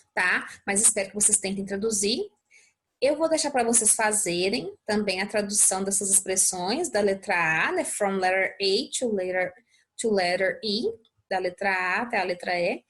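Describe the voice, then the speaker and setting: A young adult Brazilian woman teaching English, explaining a worksheet step by step and often checking in with her students. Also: medium pitch. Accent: Brazilian Portuguese. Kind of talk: recorded lesson walkthrough.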